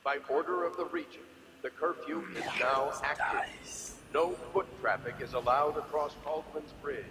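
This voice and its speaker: Game PA voice: a stern city announcer on a loudspeaker, formal and commanding, echoing with steady noise behind. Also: male voice, fairly high pitch, normal speed. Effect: public address loudspeaker. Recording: echoey loudspeaker with background noise.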